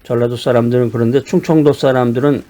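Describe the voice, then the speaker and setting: A man from Seoul delivers a sermon at an unhurried, deliberate pace. He circles back over his own phrases and bridges gaps with small hesitations. His pitch sits at a middling level. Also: fairly even intonation, mellow. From Seoul, South Korea. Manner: measured, repeats phrases, frequent "uh" fillers. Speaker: pastor.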